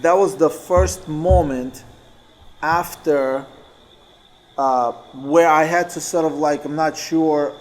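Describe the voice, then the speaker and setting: A man telling stories in a relaxed group conversation, rambling and often correcting himself mid-sentence. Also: on the high side, takes it slowly, poor audio. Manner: rambling, self-correcting storyteller. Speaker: dancer and co-host. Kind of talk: casual chat.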